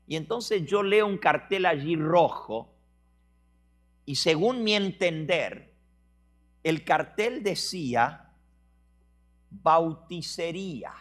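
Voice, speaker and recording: A man preaching a sermon, explaining word meanings slowly and telling a story with acted dialogue. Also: fairly high pitch, expressive, a bit bright.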